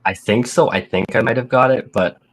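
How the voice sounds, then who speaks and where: A man's voice: fairly low pitch, brisk. Man on a choppy, breaking-up call. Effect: choppy, breaking-up remote call audio. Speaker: podcast panelist. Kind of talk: casual chat on a remote call.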